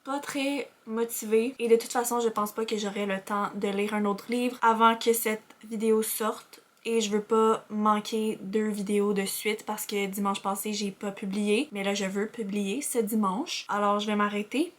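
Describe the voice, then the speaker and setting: A woman's voice: mid-range voice, steady tone, moderate pace, hardly any pauses. A young woman with a Québécois French accent, chatting candidly about books in a casual vlog voice-over while coming down with a sore throat. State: starting a sore throat and a cold. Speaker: book vlogger.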